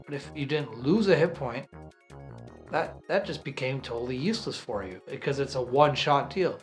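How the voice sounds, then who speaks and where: A man's voice: mid-range voice, expressive, moderate pace, soft background music. Man chatting about a board game. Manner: talks things through at length, restarting phrases. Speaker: co-host reviewer. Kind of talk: casual review chat.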